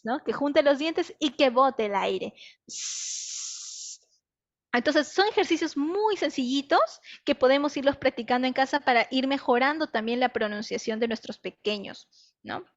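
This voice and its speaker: Peruvian woman, young, speech therapist, high voice, dull computer-mic sound, chatty teaching manner. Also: moderate pace. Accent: Peruvian Spanish. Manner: explanatory, frequent tag questions, acts out child examples. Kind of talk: online training talk. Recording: dull lo-fi audio.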